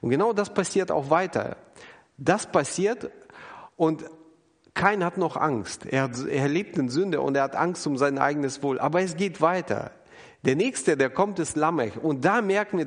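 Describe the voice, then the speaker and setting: A man preaching an earnest, emphatic sermon, acting out the people he quotes. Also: fairly high pitch. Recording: long hall reverb.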